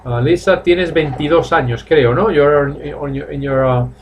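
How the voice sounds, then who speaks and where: Speaking through a webcam in a small home room with faint noise, a Spanish man in his fifties teaches English in a live bilingual class. His voice is higher, and he drills slowly by repeating phrases while switching between English and Spanish.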